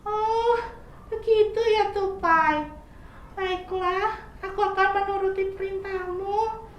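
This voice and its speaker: A woman's voice: extremely high pitch, fairly even intonation, slow pace, a little hiss or hum, pitched above the performer's own voice. A woman voicing a small, greedy caterpillar who is sick and sorry, in a whiny, pleading voice. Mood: remorseful. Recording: echoey room, from far off.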